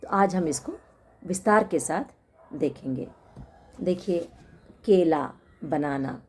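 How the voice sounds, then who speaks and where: A woman teacher giving a lesson to children, explaining slowly, repeating words and mixing in simple English. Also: fairly low pitch, lively intonation, darkish tone, husky.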